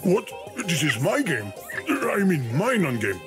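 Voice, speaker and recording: A frantic, pleading talking game. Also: male voice, on the high side, huge pitch swings, measured pace. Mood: indignant. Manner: frantic, begs the player. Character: anxious male talking video game, pleading. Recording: loud game music underneath.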